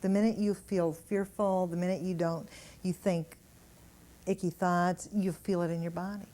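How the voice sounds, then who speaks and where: Speaking to an audience gathered in an indoor room, a woman energy healer gives a workshop talk, sharing healing stories in an animated way and chuckling as she goes. Her somewhat low voice sounds mellow and warm, and she moves at a normal speed, mixing anecdotes with demonstration.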